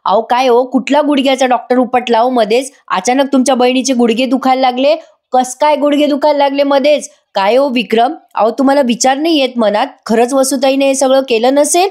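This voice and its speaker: A woman's voice: sits high, fairly even intonation, fairly quick, darkish tone, pitched above the performer's own voice, natural voice. A woman voicing an angry middle-aged wife who fires off indignant questions at her husband.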